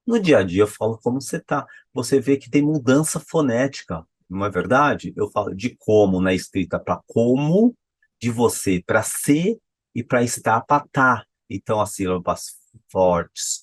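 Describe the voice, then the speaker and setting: A man's voice: medium pitch, unhurried, no room sound. Brazilian man teaching pronunciation, dry sound. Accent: Brazilian Portuguese. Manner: lively, repeats examples aloud and asks himself questions. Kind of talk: classroom-style explanation.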